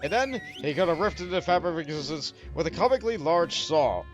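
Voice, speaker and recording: Animated man commentating on a game. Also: on the high side, brisk, lo-fi sound, soft background music. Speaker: video game player commentating.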